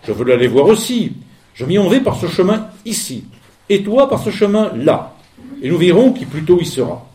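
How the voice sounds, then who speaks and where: A man voicing a sly, hungry wolf from a fairy tale who fakes a grandmother's voice, talking low and wheedling. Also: sing-song, normal speed, darkish tone.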